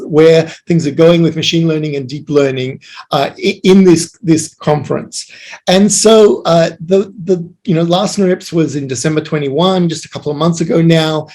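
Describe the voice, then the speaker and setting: Man, slightly high voice, halting, lots of fillers, online talk. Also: darkish tone. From Australia. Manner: halting, many fillers and restarts. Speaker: guest speaker.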